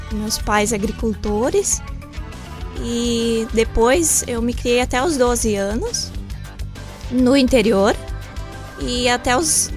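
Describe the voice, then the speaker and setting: Woman telling her life story on radio. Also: fairly high pitch. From southern Brazil. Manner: simple, plain storytelling with frequent tag questions. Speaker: shop owner, interview guest. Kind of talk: radio interview. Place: radio studio.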